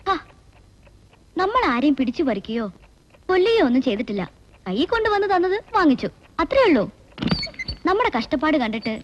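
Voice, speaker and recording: A chatty con-woman. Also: high voice. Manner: chatty, teasing. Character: cheeky young woman con artist, quick-talking schemer. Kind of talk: film acting. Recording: dull lo-fi film audio.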